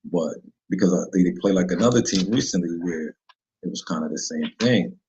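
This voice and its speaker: A man hosts a casual solo sports betting podcast, rambling in slang and frequently correcting himself. His voice sits low and a little mellow, and he talks fairly quickly. The recording is dull and lo-fi.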